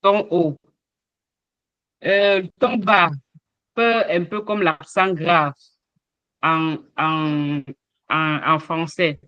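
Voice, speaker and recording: A man teaching an online language lesson, explaining tones slowly with repeated examples and hesitations over a video call. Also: on the high side, fairly even intonation, bright, forceful tone, smooth, no echo, muffled recording. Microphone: computer mic on a video call.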